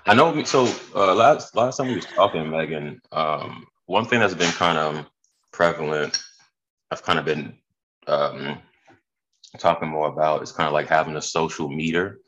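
A man's voice: very deep voice, normal speed, fairly bright tone, highs cut off. A hungover man hosting a podcast in loose, slangy, profane, rambling casual chat. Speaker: podcast host.

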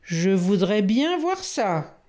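A woman's voice: mid-range voice, very animated, slow, darkish tone. A woman voicing a stern, protective male panther in a storybook, scolding and exasperated.

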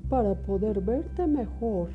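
A woman voicing a sly, hungry male storybook wolf in a slow, drawn-out wolf voice. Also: mid-range voice, animated, narrow, tinny audio. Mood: menacing. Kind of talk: storybook character acting. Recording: music behind the voice.

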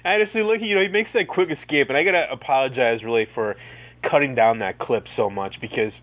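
A man chats as a podcast co-host in a loose, rambling style. His voice sits at a medium pitch. The sound is narrow and phone-like. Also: fast. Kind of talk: casual TV episode discussion. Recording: thin, phone-like audio.

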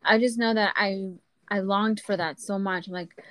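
A woman's voice: mid-range voice, steady tone, moderate pace, fairly bright tone. A woman in her thirties co-hosting a podcast, chatting animatedly and slipping Spanish phrases into her talk. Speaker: podcast co-host. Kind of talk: casual chat.

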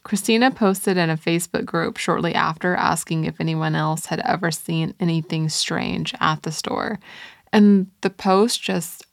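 A woman's voice: on the low side, unhurried, gravelly, no echo. A woman co-hosting a podcast, telling strange stories in a playful, casual way. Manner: playful, laughs between lines. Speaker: podcast co-host. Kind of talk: casual storytelling.

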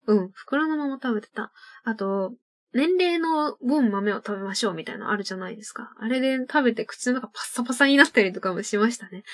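A young woman hosting her own internet radio show, chatting casually and laughing at her own tongue-twister slips. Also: medium pitch. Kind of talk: casual solo radio talk.

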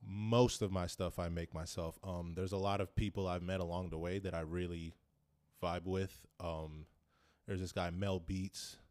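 A young man, a rapper and producer, answering interview questions in a relaxed, rambling way with restarts. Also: sits low, measured pace, no room sound.

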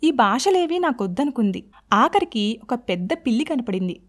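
A woman host telling a children's story in a lively, expressive singsong way. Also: fairly high pitch, moderate pace.

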